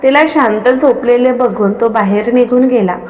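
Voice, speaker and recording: Woman storyteller, fairly high voice, long reverb; steady expressive read. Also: moderate pace, dull audio. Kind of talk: scripted story narration.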